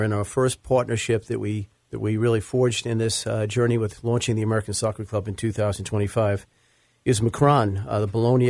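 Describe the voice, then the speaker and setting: A man's voice: mid-range voice, a little mellow, dry recording. A man hosting a podcast, reading sponsor thanks and introducing a guest in a chatty way, with frequent fillers. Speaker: podcast host. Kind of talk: casual podcast talk.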